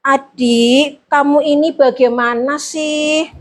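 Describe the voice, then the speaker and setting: Woman playing a soft guilt-tripping teacher. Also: high voice, steady tone, slow. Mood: reproachful. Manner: gentle, reproachful, drawn out.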